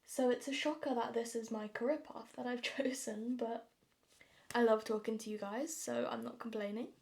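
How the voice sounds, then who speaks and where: In a casual get-ready-with-me vlog, a nineteen-year-old Londoner with a southern English accent talks self-deprecatingly to her viewers. Her somewhat high, darkish voice carries vocal fry and keeps a steady tone at normal speed.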